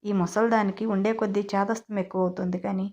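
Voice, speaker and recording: Gruff old grandfather, read by a woman. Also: medium pitch, level tone, fast talker, mellow, dull audio, close to an everyday voice. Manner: gruff, dismissive.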